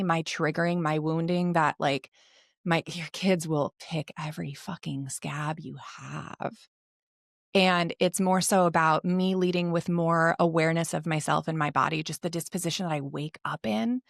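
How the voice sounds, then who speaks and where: Gravelly-voiced woman, candid and earnest. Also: on the low side, dry recording, clean studio sound. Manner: candid, frequent swearing; reflective, earnest. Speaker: mental health coach. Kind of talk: podcast interview.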